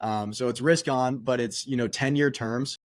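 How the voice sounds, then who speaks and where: A man co-hosting a podcast, explaining things with energy and a lot of casual slang. His voice sits at an ordinary pitch for a man, and the sound is dry and close with no room echo. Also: moderate pace. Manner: energetic and slangy, uses many fillers. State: out of breath. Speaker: podcast co-host.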